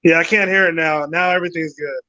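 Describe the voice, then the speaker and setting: Guy calling in on his phone, bad connection keeps cutting out, muffled lo-fi sound, easygoing halting talk. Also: fairly high pitch, steady tone, a crowd in the background. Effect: choppy phone video-call connection. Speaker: guest, python breeder. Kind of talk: casual interview chat. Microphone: phone on a video call. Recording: dull lo-fi phone audio cutting out.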